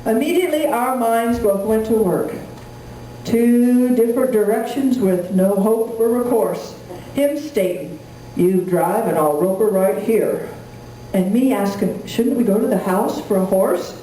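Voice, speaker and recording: A woman performs cowboy poetry in a very echoey room, picked up from a distance. Her voice is fairly high yet mellow. She delivers the rhymed verse like a folksy storyteller. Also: measured pace. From rural Wyoming, United States. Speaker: cowboy poet. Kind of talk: cowboy poetry recitation to a live audience. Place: indoor room at a live gathering. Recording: echoey room, distant mic, faint noise.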